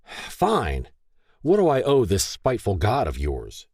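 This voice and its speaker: A man's voice: on the low side, wildly swooping pitch, measured pace, gravelly, a little mellow, breathy edge, no echo, clean studio sound, voice pushed up, full character voice. A man voicing a frustrated, stubborn unemployed man who talks in an exasperated way. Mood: angry. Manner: exasperated, flustered talk.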